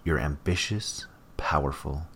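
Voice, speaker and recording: A man's voice: very deep voice, measured pace, gravelly, fairly bright tone, breathy edge, exaggerated voice. A man voicing a cold, commanding crime boss. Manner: curt, commanding.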